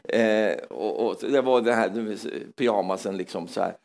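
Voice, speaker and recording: A man preaching a charismatic sermon in a church, swinging between loud exclamations and hushed asides, often repeating words as he goes. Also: on the low side, creaky.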